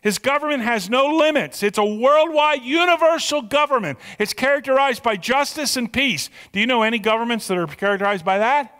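A man with a very high, sharp yet clear and resonant voice preaches an expository sermon that includes scripture reading, speaking fairly quickly. He stretches key words for emphasis and puts rhetorical questions to his listeners, and the recording carries a long hall reverb.

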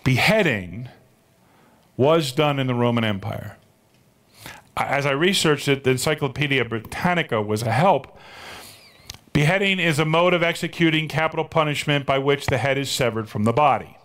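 A man's voice: medium pitch, expressive, normal speed, a bit bright. A middle-aged male pastor preaching a sermon, telling the story and asking the congregation rhetorical questions.

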